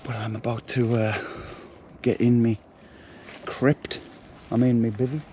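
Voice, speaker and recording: A middle-aged man, keeping his voice hushed as he tells a ghost story. He rambles and fills his pauses with ums and likes. His pitch sits in an ordinary middle range. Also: level tone, muffled recording, a little hiss or hum. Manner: hushed, rambling, with many fillers. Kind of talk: casual storytelling to camera. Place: outdoors at night, camping.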